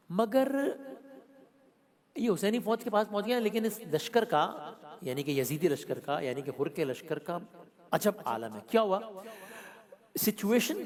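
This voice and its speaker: A middle-aged man telling a religious story with dramatic emotion, asking and answering his own questions, rising loud and then dropping to near whispers. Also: mid-range voice. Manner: drops to a whisper at moving moments. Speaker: host narrating a religious story.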